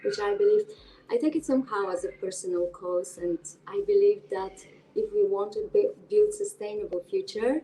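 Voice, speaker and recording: A woman's voice: mid-range voice, brisk, warm tone, low-quality recording. Earnest Bulgarian-born woman on a video call. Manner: earnest, with frequent hesitations and restarts. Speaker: interview guest, board member. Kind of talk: online video call interview.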